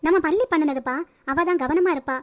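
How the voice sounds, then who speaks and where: A woman voicing a kind, caring middle-aged mother in a cartoon, talking in a gentle motherly way. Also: high-pitched, fast talker, lightly acted.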